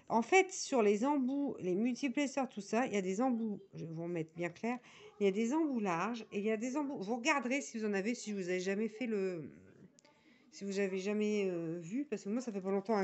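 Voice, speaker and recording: Woman vlogger, northern French accent, mid-pitched, loose chatty tutorial delivery with asides and restarts. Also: a little mellow. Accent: northern French (Nord). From northern France. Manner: rambling, many fillers and restarts, chatty asides. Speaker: diamond painting vlogger. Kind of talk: casual tutorial chat to viewers.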